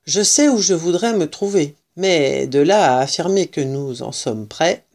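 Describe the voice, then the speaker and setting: A woman voicing a clever, proud male fox father who leads his cubs, exclaiming loudly when excited. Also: sits low, a little slow, pitched below the performer's own voice, exaggerated voice. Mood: cautious.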